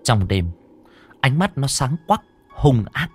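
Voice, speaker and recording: A man's voice: mid-range voice, sing-song, slow, soft background music. A man narrating a scripted ghost story in a dramatic, suspenseful way.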